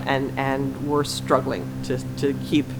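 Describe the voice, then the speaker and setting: A man's voice: medium pitch, monotone, slow, music in the background, poor audio. A man from the arts speaking insistently and with passion in a documentary interview. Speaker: artist.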